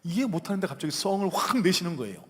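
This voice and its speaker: Casting note: male pastor, high and very expressive voice, sermon in a church with long hall reverb. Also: fast talker. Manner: animated, acts out the disciples' banter in casual voices. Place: church sanctuary.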